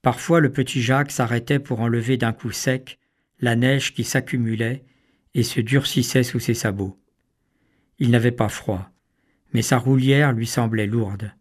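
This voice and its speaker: A man's voice: medium pitch, steady tone, unhurried. Man reading a storybook aloud. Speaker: narrator. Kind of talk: scripted storybook narration.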